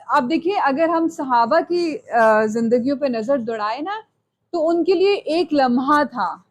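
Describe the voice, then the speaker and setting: A woman teaching a live lecture to young women in a conversational style, often checking in with her listeners and slipping English phrases into her talk. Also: sits high. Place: lecture hall.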